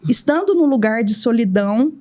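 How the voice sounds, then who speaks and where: A Brazilian woman co-hosts a podcast, speaking in a mellow, fairly high voice. She reflects aloud and often restarts her sentences. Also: lively intonation, moderate pace. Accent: Brazilian Portuguese. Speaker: pediatrician and podcast co-host. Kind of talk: podcast conversation.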